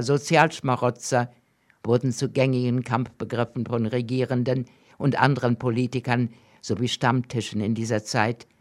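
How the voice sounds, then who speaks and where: A man reading a political commentary aloud in a measured, deliberate way, slowing down for emphasis. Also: medium pitch.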